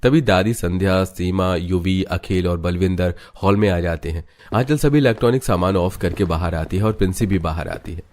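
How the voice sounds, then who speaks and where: A man's voice: low-pitched, moderate pace, few pauses, darkish tone. A man narrating a scripted Hindi family drama in a plain storytelling delivery.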